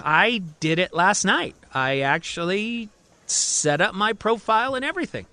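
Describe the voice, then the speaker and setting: A woman's voice: mid-range voice, expressive, a little slow, pushed and bright, no echo, voice pushed up. A man voicing Marion, a wry, sarcastic single woman doctor, in a one-man audio story.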